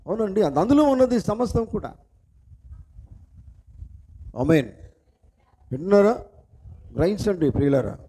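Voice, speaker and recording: A man preaching with a high-pitched voice that still sounds mellow and soft-edged. He is a pastor with a Telugu accent who keeps putting questions to his congregation. His phrasing is repetitive and strongly emphatic. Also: very animated, normal speed, pauses often, slight background noise. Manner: asks the congregation repeated questions. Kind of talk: sermon.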